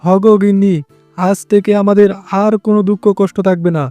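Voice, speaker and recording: A man voicing a good-hearted poor woodcutter fox, a devoted husband, in an earnest, expressive cartoon style. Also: high-pitched, a little fast, no echo, faint music behind, natural voice. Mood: excited. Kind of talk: cartoon voice acting.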